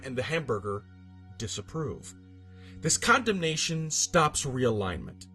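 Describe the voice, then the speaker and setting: Over a music bed, a man theatrically narrates a scripted piece of absurd fiction, leaning hard on dramatic emphasis. His voice is medium in pitch with a fairly bright tone.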